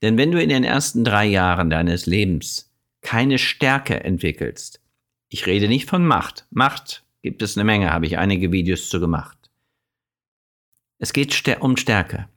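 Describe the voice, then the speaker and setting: Calm German man explaining psychology. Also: on the low side, measured pace. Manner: calm and explanatory, with rhetorical questions and frequent self-corrections. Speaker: self-help video presenter. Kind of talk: explanatory monologue addressing the listener directly.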